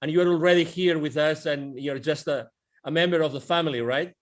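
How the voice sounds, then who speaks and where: Guy co-hosting a chat, kinda high voice, rambles and repeats words, super eager. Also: a little fast. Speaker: podcast co-host. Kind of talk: casual interview.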